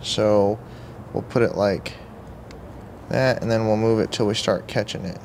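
A young man giving casual running commentary while fixing a carburetor at an outdoor workbench, in a relaxed way with muttered asides to himself. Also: lowish voice, unhurried, a little hiss or hum. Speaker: vlogger working on a carburetor. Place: outdoor workshop table beside a truck.

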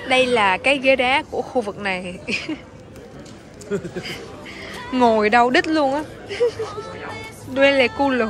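A young woman's high voice comes slowly, broken by long pauses, as she chats to viewers in a casual travel vlog. She has a Southern Vietnamese accent, films herself at arm's length at an outdoor shopping mall, and sounds enthusiastic, while background music plays.

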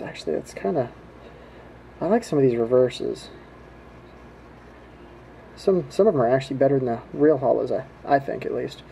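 A man's voice: medium pitch, creaky, dark tone, slight background noise, poor audio. A man giving casual, laid-back running commentary to viewers in a folksy way, recorded indoors on a home camera. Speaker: host of a trading card pack-opening video. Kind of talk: casual running commentary while opening card packs. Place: indoors at home, hands at a table.

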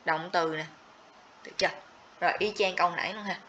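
Woman, livestream teacher, checks in with students, sharp tone, muffled recording. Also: lowish voice, steady tone, fast, a little hiss or hum. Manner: explains step by step, checks in with students often. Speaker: TOEIC teacher. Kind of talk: livestream grammar lesson. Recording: slightly dull lo-fi audio.

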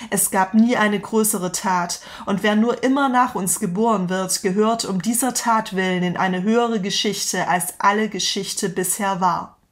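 A woman's voice: mid-range voice, fairly even intonation, measured pace, hardly any pauses, natural voice. Woman reading as an impassioned madman. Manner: impassioned, declamatory questioning. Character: frantic grown man, a prophetic madman with lantern.

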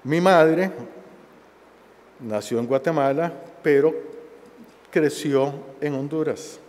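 A man in his sixties giving a formal, solemn speech at a university forum, speaking slowly and deliberately into a headset mic in a large auditorium. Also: a little high, a little mellow. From Costa Rica. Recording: long auditorium reverb.

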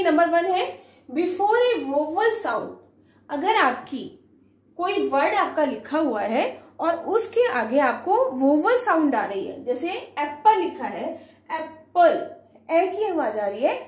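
A woman's voice: very high-pitched, roomy sound. A woman teacher with an Indian accent explains a grammar lesson to young students. She asks questions and answers them herself, mixing Hindi and English. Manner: mixes Hindi and English, slowly reads rules aloud. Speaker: school teacher.

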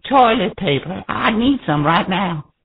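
A woman's voice: mid-range voice, lively intonation, measured pace, creaky, a crowd in the background. A woman playing a lonely, pleading elderly widow in a prank call. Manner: pleading, needy. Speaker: prank caller. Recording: tinny phone line.

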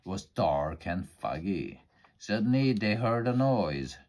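A man narrating a children's storybook aloud with a low voice. His reading is plain and evenly paced, steady from one sentence to the next. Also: slow pace. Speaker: storybook reader.

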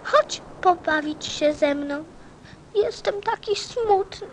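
A woman's voice: very high voice, lively intonation, takes it slowly, a little hiss or hum, full character voice, rough recording. A woman playing a lonely, curious, innocent little boy prince in a radio play. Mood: sad. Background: faint music.

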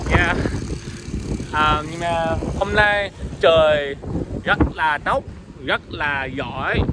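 A native English speaker in his twenties, with a slightly high voice, vlogs casually while practicing broken, foreign-accented Vietnamese, repeating words as he hunts for them. He walks outdoors on a street between apartment buildings, holding his phone at arm's length. The recording is windy, with clear background noise.

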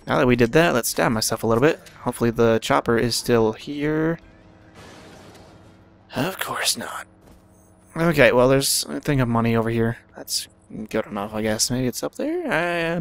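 A man's voice: mid-range voice, vocal fry. A man giving casual, chatty commentary over his own video game play, talking to himself. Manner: chatty, self-talking, quick bursts when excited. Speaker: gaming channel host.

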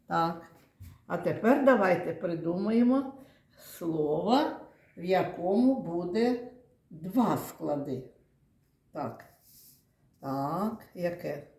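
A woman's voice: lowish voice, darkish tone. Patient woman teacher in an echoey room. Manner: slow, patient, sounding out words for children. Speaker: kindergarten teacher. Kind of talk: classroom lesson for young children.

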